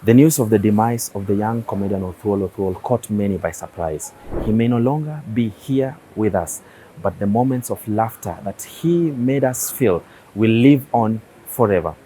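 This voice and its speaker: A man's voice: fairly low pitch, expressive, moderate pace, dark tone, slight background noise, rough recording. A man presenting a news feature and interviewing a grieving father, formal in his intro and brief in his prompts.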